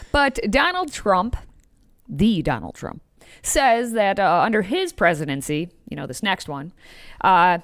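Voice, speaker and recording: A woman's voice: mid-range voice, a bit bright, no echo, studio quality. A woman in her thirties co-hosting a live-streamed talk show, playful and sarcastic. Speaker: co-host.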